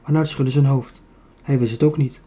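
A man's voice: medium pitch, fairly even intonation, moderate pace, dark tone, slightly rough. Dutch man reading an audiobook. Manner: reads with small slips and self-corrections. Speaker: audiobook reader. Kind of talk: reading a children's book aloud.

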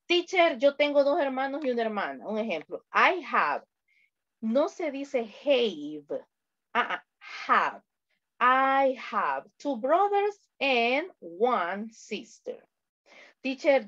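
A woman with a Salvadoran Spanish accent teaching an online English class, drawing out model phrases slowly. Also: fairly high pitch. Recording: dull lo-fi audio.

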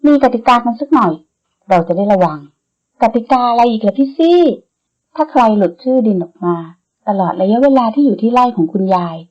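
A woman voicing a bossy, blunt young woman who leads her friends, speaking briskly in an audiobook. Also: a little high, expressive, a little mellow, highs cut off. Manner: brisk and commanding. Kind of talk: audiobook character reading.

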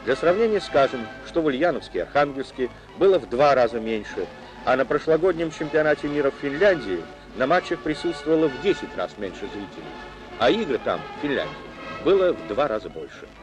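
A man's voice: medium pitch, very animated, a little fast, low-quality recording. A man narrating an old newsreel in a formal, declamatory reporting manner. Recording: narration over loud music.

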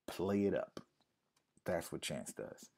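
A man with a low, mellow voice who is losing it a little, talking casually straight to his viewers. He explains things in a relaxed way and circles back to repeat his main points. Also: takes it slowly, vocal fry. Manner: conversational, repeats key points for emphasis. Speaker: music marketing consultant.

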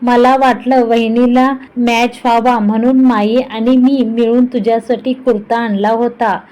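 A woman's voice: a little high, level tone, a little slow, dark tone, natural voice, low-quality recording. A woman voicing a cheeky, talkative young man teasing his older brother in a storybook reading. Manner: chatty, cheeky, playful.

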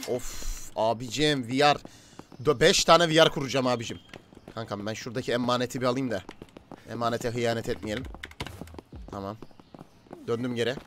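A man giving casual let's-play commentary, chatting to game characters and his viewers, swinging from low mutters to loud calls. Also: slight background noise. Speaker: gaming YouTuber.

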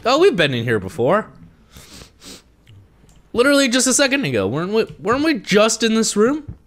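Pitched high and swinging hugely up and down at normal speed, a young man nervously talks himself through a horror game. This gaming video creator is congested from allergies and uses a headset mic in a small room at home.

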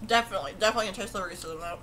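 A woman's voice: mid-range voice, rapid-fire, bright, forceful tone. A woman hosting a casual taste-test vlog, talking while chewing and chatting with lots of "like" fillers. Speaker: vlog host. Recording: clear background noise.

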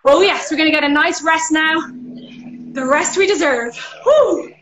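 A woman with an Irish accent leading a live workout class over a video call, energetic, counting down reps and cheering people on. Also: high voice, unhurried, reverberant, a little hiss or hum, low-quality recording. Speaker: fitness instructor.

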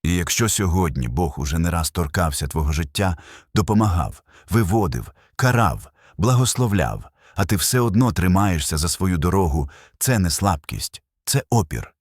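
A man's voice: low voice, lively intonation, normal speed, husky, no echo, studio quality. A man delivering a scripted sermon narration as a preacher, solemn and emphatic, building with short repeated phrases.

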